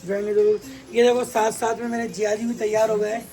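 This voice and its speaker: A young vlogger chats casually to his audience from his family home on a rainy day, repeating words in pairs as he goes. His high-pitched voice keeps a level tone at a fairly quick pace, captured on a low-quality phone recording with loud background noise, including a crowd.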